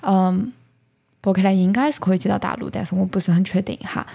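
A woman's voice: mid-range voice, fast, creaky, mellow. A woman with a Sichuanese accent hosting a podcast in a casual, explanatory way, talking about books and dropping in English words. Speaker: podcast host. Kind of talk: casual book talk.

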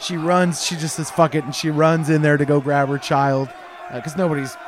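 A man's voice: a little high, flat delivery, moderate pace, a faint crowd, slight background noise. A man running a tabletop game as game master, telling the scene loosely with fillers and frequent laughter.

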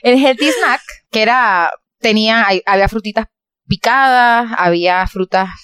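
A woman's voice: on the high side, moderate pace, smooth, no room sound, studio quality. A woman in her thirties with a Panamanian Spanish accent, chatting as a podcast co-host and telling anecdotes with frequent laughter. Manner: lively, laughs often, acts out quotes. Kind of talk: casual chat, storytelling.

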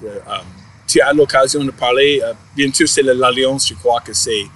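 A man's voice: mid-range voice, steady tone, fairly bright tone, a little hiss or hum. Man interviewing in a second language. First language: English. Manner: halting, searching for words in a second language. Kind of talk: casual conversational interview.

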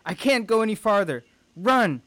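A man's voice: high-pitched, expressive, moderate pace, no room sound, voice pushed up. A man voicing a desperate, exhausted mother. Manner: urgent, pleading shouts. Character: desperate exhausted mother urging son to flee.

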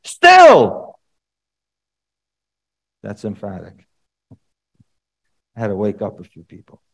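A male preacher talks through a sermon in a relaxed, conversational way. He peppers it with asides and rhetorical questions to the congregation, and now and then he jumps to a loud, emphatic shout before settling back down. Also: fairly low pitch, moderate pace, vocal fry, slightly rough.

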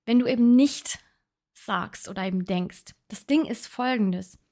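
A woman's voice: a little high, unhurried, a little mellow. A woman talking casually on her self-help podcast, thinking aloud and giving earnest advice. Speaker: podcast host.

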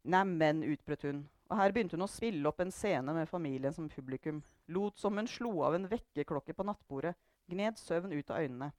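A woman's voice: low-pitched, lively intonation, a little mellow, no room sound. Woman reading a novel aloud, dry sound. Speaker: reader. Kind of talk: book reading.

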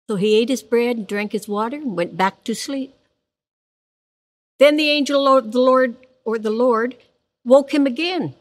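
A woman guest speaker delivering a sermon, telling scripture stories in an animated way. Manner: animated storytelling with lively pitch.

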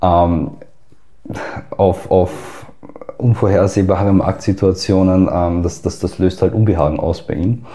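A guest expert with an Austrian accent explains at length in an interview, hesitant and full of filler sounds. His deep voice is steady and mellow, with a measured pace.

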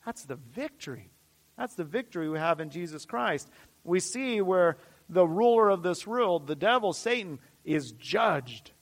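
A man preaching a sermon with fervent, repeated emphatic phrases, swinging from loud declarations to hushed near-whispers. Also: high-pitched, lively intonation, measured pace.

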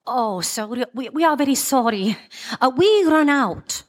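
A woman's voice: high-pitched, animated. Woman playing a timid Spanish-speaking young mother. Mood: apologetic. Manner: halting broken English, apologetic.

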